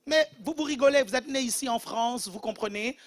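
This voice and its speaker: A man's voice: very high voice, fairly quick. A man preaching a humorous sermon as pastor, teasing the congregation playfully and mimicking accents.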